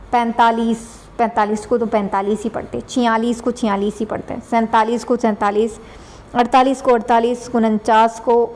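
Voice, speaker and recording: Woman teacher, Rajasthani Hindi accent, slightly high, repetitive and chatty. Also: darkish tone. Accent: Rajasthani Hindi (Dhundhari). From Dhundhar region, Rajasthan. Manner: chatty, repeats words, tag questions. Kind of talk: online exam-prep lesson.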